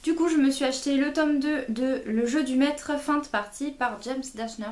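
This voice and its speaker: A woman's voice: high-pitched, normal speed, darkish tone, reverberant. A woman chatting casually about books she bought, with many fillers and self-corrections. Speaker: book vlogger. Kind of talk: casual book haul chat.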